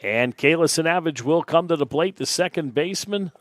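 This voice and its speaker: A man calls a softball game pitch by pitch in a slightly raised voice. He reels off lineups and counts briskly. His voice is dry and close to the mic. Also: animated, no echo. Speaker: play-by-play announcer. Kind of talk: live softball play-by-play commentary.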